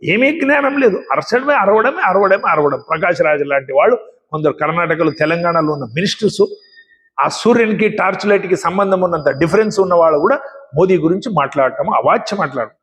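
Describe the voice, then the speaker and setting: A man with a Telangana Telugu accent delivers a scolding political monologue with a high-pitched voice, hammering the same phrases again and again. His voice rings in a long hall reverb, and he coughs now and then between points. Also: expressive, brisk, fairly bright tone. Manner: emphatic, repetitive, scolding. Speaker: speaker.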